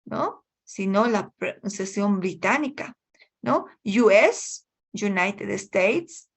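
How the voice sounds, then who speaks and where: A woman teaching an English class at an unhurried, slow pace. She checks in with her students every few phrases and drops English words into her explanations. Her voice sits at a middle pitch. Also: expressive, slightly rough. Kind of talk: online class lecture.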